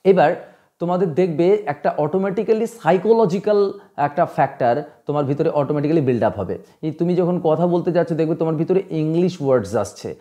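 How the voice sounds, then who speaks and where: Emphatic male English teacher, mellow voice. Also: fairly high pitch, animated, brisk, dull audio. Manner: emphatic, asks rhetorical questions, mixes in English phrases. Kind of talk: video language lesson.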